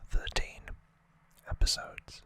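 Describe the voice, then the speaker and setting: An ASMR host's unvoiced, breathy whisper recounts trivia in summary, the pacing slow, hushed and measured throughout.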